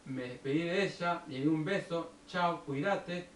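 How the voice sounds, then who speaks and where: Argentine guy, kinda high voice, slow storytelling and moralizing, sounds far from the mic in an echoey room. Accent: Rioplatense Argentine Spanish. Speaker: video blogger. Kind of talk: personal storytelling monologue. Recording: echoey room, distant from the mic, faint background noise.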